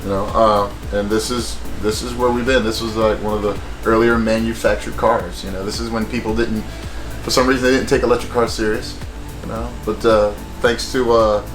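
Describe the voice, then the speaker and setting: A man's voice: lowish voice, level tone, normal speed. A man giving a museum tour in casual chat, rambling, with lots of fillers. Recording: echoey room with music behind.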